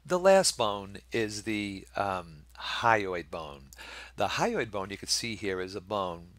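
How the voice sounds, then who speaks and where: Middle-aged male lecturer, very low voice, dry close sound, patient and explanatory. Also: big pitch swings, takes it slowly, fairly bright tone, no room sound. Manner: explains patiently, often checking with a questioning "right?". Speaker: anatomy instructor. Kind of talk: recorded lecture over slides.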